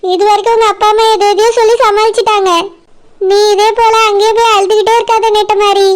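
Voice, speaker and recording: Woman doing a gentle village friend, very high voice. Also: little pitch movement, quick pace, a little hiss or hum. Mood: comforting. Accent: Kanyakumari Tamil. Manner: gentle comforting.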